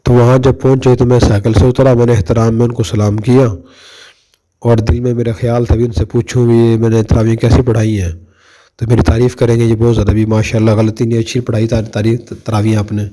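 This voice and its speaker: Mellow-voiced male preacher telling a story. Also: medium pitch, level tone, a little hiss or hum. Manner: conversational, anecdotal, addresses listeners directly. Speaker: Islamic preacher. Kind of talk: storytelling religious talk.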